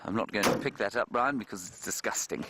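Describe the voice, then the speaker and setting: Low-voiced male savanna safari presenter, noisy recording. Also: fast talker. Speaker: safari live show presenter. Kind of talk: live savanna safari commentary. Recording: noisy vehicle ambience with clicks.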